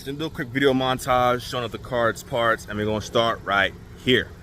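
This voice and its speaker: A man's voice: medium pitch, fairly quick, pushed and bright, slight background noise. A man casually narrating a car job for his shop vlog, laid-back and slangy, recorded outdoors on the camera mic.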